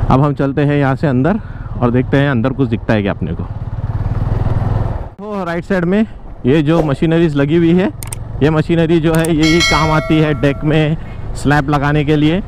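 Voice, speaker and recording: A man narrates casually from a moving motorbike, pointing things out as he rides and asking viewers whether they follow. His voice sits at an ordinary pitch. Faint street traffic hums underneath. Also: darkish tone. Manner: chatty, explains as he goes, keeps asking "theek hai na". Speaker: motovlogger. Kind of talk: casual ride commentary. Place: outdoors on a motorbike by city roadworks.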